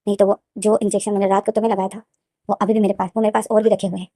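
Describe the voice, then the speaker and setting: A stern young man gives orders in quick, clipped phrases, in a story being retold, as a woman voices him in her own dark, mellow tone. The sound is close and dry, with no room around it. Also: mid-range voice, level tone, no room sound, close to an everyday voice. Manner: plain quoted delivery inside narration. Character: stern young man coaxing, then threatening his lover.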